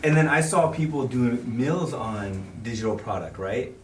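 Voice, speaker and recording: A man's voice: medium pitch, normal speed, distant mic, slight background noise. Slangy man in an echoey room. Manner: animated, slangy, talks through numbers. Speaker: app business owner. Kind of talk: casual chat.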